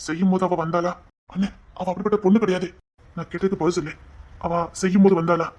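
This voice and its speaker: A man acting a husband who questions firmly and then calms his crying wife in a family drama. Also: sits high, fast talker. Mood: stern.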